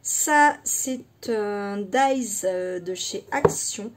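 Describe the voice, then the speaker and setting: A woman scrapbooking vlogger giving a casual show-and-tell of her craft project, unhurried and hesitant, thinking aloud as she shows each item. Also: medium pitch, animated, slight background noise.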